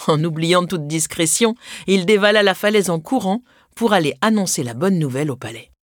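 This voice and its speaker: A woman narrating a children's storybook in an expressive, scripted way, lifting her voice on dramatic words. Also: on the low side, a little fast, no room sound, clean studio sound.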